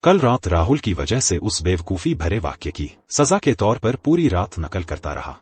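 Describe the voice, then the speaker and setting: A weary, sarcastic young nobleman with a low, husky voice. His delivery swings through a lively pitch range, and the sound is dry and close. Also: moderate pace, no room sound, full character voice.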